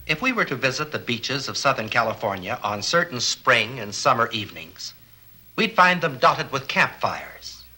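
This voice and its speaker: A film narrator delivers scripted educational documentary narration, earnest and explanatory, often asking rhetorical questions. His mid-range voice swings widely in pitch at a normal speed, sounding bright and forceful. The audio quality is poor.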